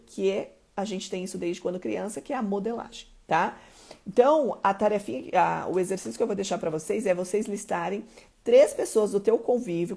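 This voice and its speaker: A woman from Mato Grosso do Sul, Brazil, speaks with a Curitiba Portuguese accent in a medium-pitched, gravelly, warm voice. She teaches on a motivational live stream, speaking emphatically and checking in with her listeners again and again.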